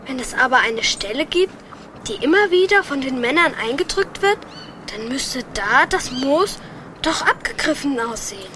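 Keen young girl adventurer, high-pitched, earnest, children's audio drama, faint noise behind. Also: expressive, normal speed, pushed and bright. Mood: thoughtful. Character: eager, observant young sister on an adventure.

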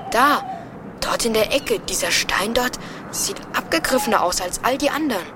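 A woman's voice: fairly high pitch, expressive, moderate pace, natural voice. Woman acting a decisive young boy, faint noise. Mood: watchful. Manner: decisive, explanatory. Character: bossy, methodical young boy leading his siblings. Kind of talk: children's audio drama acting.

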